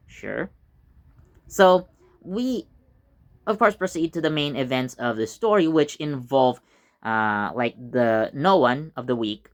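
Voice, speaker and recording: A man's voice: mid-range voice, a bit bright. Chatty man hosting a casual review. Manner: chatty and rambling, with many fillers and self-corrections. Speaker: YouTube channel host reviewing a TV episode.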